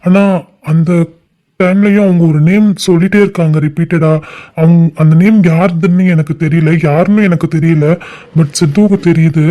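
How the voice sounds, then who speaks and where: A woman doing a calm cartoon doctor. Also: fairly low pitch, lightly acted. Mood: calm explaining. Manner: steady, explaining, measured. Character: calm male hospital doctor, adult. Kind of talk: cartoon drama voice acting.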